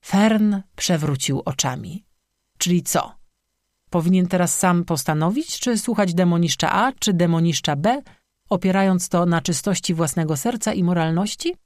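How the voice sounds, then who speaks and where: Audiobook narrator with a wry, sarcastic delivery, dry close recording, mid pitch. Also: normal speed, dry recording.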